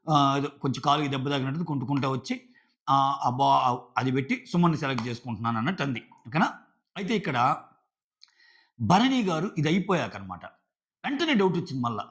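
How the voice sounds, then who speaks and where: A man reviewing a reality show in casual, argumentative commentary. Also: a little high. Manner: animated, argumentative, acts out contestants' lines. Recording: dull lo-fi audio.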